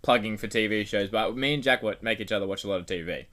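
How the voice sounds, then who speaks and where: A man's voice: lowish voice, fast talker, fairly bright tone. A young Australian man co-hosting a casual podcast, joking and teasing in a playful, self-mocking way. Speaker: podcast co-host.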